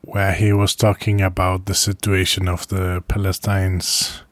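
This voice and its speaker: A man telling a casual travel diary at a slow, unhurried pace, his voice sitting on the low side. He halts often, restarting phrases and slipping in soft chuckles. The sound is close and dry, with no room around it. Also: monotone, no echo. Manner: halting, with frequent pauses and restarts. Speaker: traveler recording a video diary.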